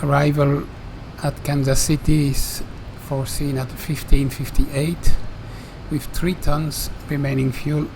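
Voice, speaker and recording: A man giving step-by-step flight commentary as a simulator pilot, pausing often in mid-sentence. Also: fairly high pitch, noisy background. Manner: halting, pauses mid-sentence. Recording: steady aircraft drone behind voice.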